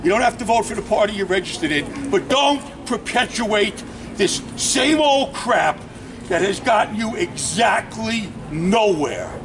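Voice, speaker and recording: A man's voice: high voice, lively intonation, a little slow, noisy background. A man giving a blunt, urging political speech at an outdoor rally. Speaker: rally speaker.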